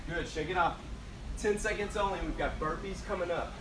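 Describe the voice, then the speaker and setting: A man's voice: high-pitched, normal speed. A male aerobics instructor leads a timed workout with short, motivating commands and countdowns. He is exercising as he talks. The camera picks him up from a distance on a covered porch, with echo and a faint layer of noise. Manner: motivational coaching, counting down, short urging cues; exercising while talking. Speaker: fitness instructor. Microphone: camera several metres away. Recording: echoey, noisy, distant camera microphone outdoors.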